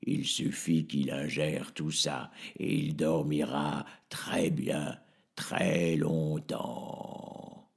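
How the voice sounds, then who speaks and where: A man voicing a possessed doctor who speaks in a slow, eerie, whispery way. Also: very deep voice, little pitch movement, vocal fry, husky, voice pushed down, full character voice. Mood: sinister. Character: possessed male doctor, hollow sinister voice.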